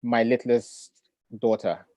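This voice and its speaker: A middle-aged man who grew up in Ghana, a poet, reading his poems and talking about family in a measured, reflective way over a video call. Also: mid-range voice, steady tone, mellow, no room sound. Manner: measured and reflective, with thoughtful pauses. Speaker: poet and author. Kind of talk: poetry reading and relaxed conversation.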